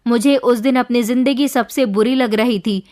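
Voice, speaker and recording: A woman telling a scripted first-person story with a steady, even storytelling delivery. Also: fairly high pitch, normal speed.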